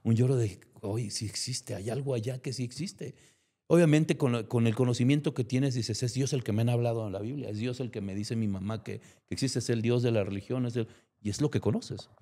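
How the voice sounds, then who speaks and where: With a warm, medium-pitched voice and a slightly fast delivery, a Mexican-accented guest tells an emotional personal story. He acts out conversations from memory as he goes.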